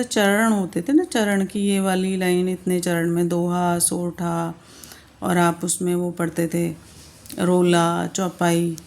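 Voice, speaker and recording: A woman teacher giving an online lesson on poetic meter. She explains step by step, checks often that students follow, and slows right down to dictate definitions. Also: mid-range voice, creaky, darkish tone. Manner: explains step by step with frequent checks like "thik hai"; addresses students fondly as "beta". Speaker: English literature teacher. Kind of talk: online lecture in Hindi mixed with English.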